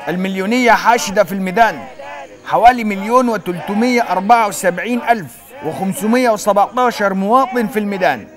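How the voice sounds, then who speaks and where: A man acts an Egyptian field reporter delivering breaking news with mock-serious formality. His voice is very high and quick, loud and earnest, with a noisy crowd all around him. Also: close to an everyday voice. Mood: urgent, mock-serious. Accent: Egyptian Arabic. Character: earnest TV correspondent giving breaking live reports from crowded squares. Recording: loud crowd noise behind.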